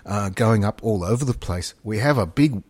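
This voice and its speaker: A man's voice: on the low side, lively intonation, normal speed, darkish tone, no echo. Dry-sounding man, rambling and emphatic. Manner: rambling, emphatic, repeats himself, matey. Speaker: podcast co-host. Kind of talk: casual opinionated podcast talk.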